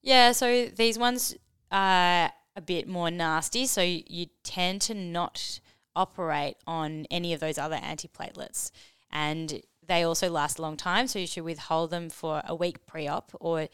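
A woman's voice: on the low side, steady tone, a little slow, fairly bright tone, smooth, dry recording, studio quality. A woman hosting a casual educational discussion, explaining things in an informal way. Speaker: podcast host and medical teacher.

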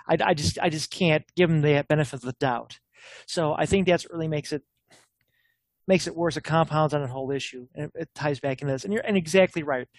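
A man talking bluntly in a casual political chat, quick and opinionated with frequent restarts. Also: a little high, no echo.

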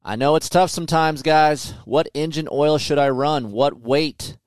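A man's voice: a little high, measured pace, clear, resonant tone, dry recording, soft background music. A middle-aged man hosting a motocross podcast, talking casually and bluntly about riding, with plenty of swearing. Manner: blunt, profane, conversational. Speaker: podcast host and motocross tester. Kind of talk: casual chat.

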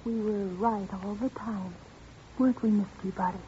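A woman's voice: medium pitch, fairly even intonation, moderate pace, dark tone, close to an everyday voice. A woman playing a stern, wary child in a 1940s radio suspense play. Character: stern, wary child who distrusts adults. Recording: dull, faintly noisy 1940s radio recording.

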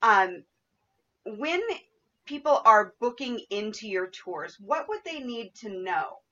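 A woman's voice: mid-range voice, animated, takes it slowly, a bit bright. Effusive woman podcast host, dull audio. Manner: effusive, appreciative. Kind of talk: conversational interview hosting.

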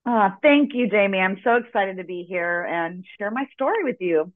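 A woman's voice: mid-range voice, animated, moderate pace, no room sound. A middle-aged American-born woman, a guest telling her story in an earnest, reflective way. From United States. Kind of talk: conversational interview. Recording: dry, tinny phone line.

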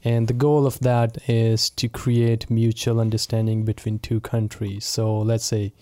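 A young associate pastor of a local mission, whose first language is Punjabi, chats casually in an interview, relaxed and friendly, laughing easily with plenty of fillers and restarts. His voice is on the low side and a little slow, with no room sound.

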